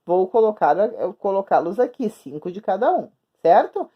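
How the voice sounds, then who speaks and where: A woman teacher records a lesson for young children at her screen, talking while she writes things up. She is patient and repeats herself a lot, drawing words out slowly syllable by syllable. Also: mid-range voice, sing-song, husky, lo-fi sound. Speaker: schoolteacher. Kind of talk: remote grammar lesson for children. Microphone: recording at a screen, writing on the board while talking.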